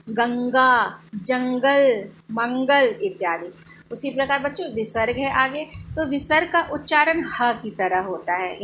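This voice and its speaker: A woman's voice: a little high, a bit bright, slight background noise, poor audio. A woman teaching a children's grammar lesson, patiently asking questions and answering them herself, drawing out sounds to demonstrate them. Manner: drawn-out sounds when demonstrating pronunciation.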